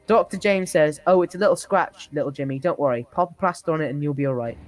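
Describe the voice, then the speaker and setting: Over soft background music, a fast-talking narrator with a mid-range voice plays an old-timer telling a comic tall tale about a rough childhood. The reading is full of stumbles and bursts of laughter.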